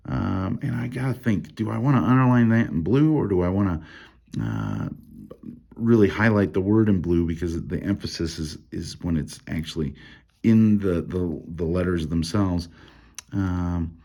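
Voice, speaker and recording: A man leading a casual Bible study, reading verses aloud and thinking out loud about how to mark them, with lots of fillers and restarts. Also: deep voice, animated, measured pace, vocal fry. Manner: reads scripture aloud between comments.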